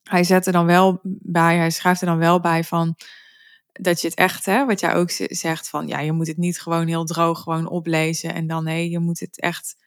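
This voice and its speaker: A woman's voice: on the low side, flat delivery, normal speed, no room sound, studio quality. A woman co-hosting a podcast, chatty and inquisitive, retelling what she read. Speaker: podcast co-host. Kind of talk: casual podcast conversation.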